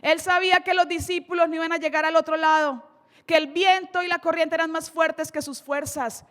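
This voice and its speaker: A woman with a Colombian accent preaches an emphatic sermon in a church, dramatically retelling scripture and slowing down for key lines. Her voice is very high and fairly bright, with fairly even intonation, and it rings out in a large hall.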